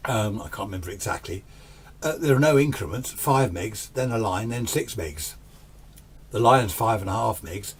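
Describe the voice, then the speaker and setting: A lowish, breathy-edged male voice, animated and at normal speed, belongs to an amateur radio hobbyist in his sixties. His explainer is informal and unscripted, drifting conversationally as he asks himself little questions.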